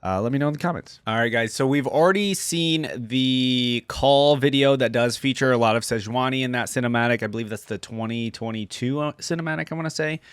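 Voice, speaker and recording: A man speaks a little fast, barely pausing, in a clear, resonant mid-range voice recorded at studio quality with no echo. He's hosting a reaction video, informally thinking aloud as he comments and reads story text and game descriptions aloud.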